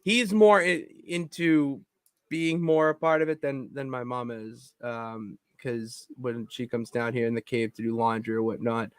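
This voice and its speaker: A man co-hosting a podcast from his home basement, talking in an excitable, rambling way with many restarts. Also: medium pitch, unhurried, clean tone, no room sound, studio quality. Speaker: podcast co-host. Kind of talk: casual chat.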